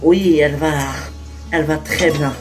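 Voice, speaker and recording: A woman's voice: sits low, fairly even intonation, normal speed, music in the background, close to an everyday voice. A woman voicing a caring woman on the phone who anxiously keeps asking if he is all right. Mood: friendly. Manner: anxious, repeated questions. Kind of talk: toy-figure fan series voice acting.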